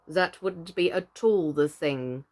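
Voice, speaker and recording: A woman's voice: fairly low pitch, slow, darkish tone, voice pushed down. A woman voicing an imperious, commanding queen in a storybook reading. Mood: bossy. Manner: imperious, decided. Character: bossy, commanding Red Queen of a fairy tale.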